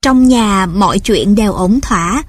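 A woman reading a story aloud in steady, measured scripted narration. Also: medium pitch, dry recording, clean studio sound.

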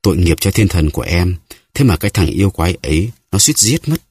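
A man voicing a scheming, seductive noblewoman who speaks softly and tenderly in an audiobook. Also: deep voice, lively intonation, fairly quick, husky, no echo, studio quality, exaggerated voice. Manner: soft, cooing, pleading.

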